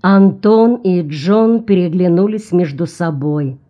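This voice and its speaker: A woman narrating an audiobook in an even, measured reading. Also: fairly low pitch.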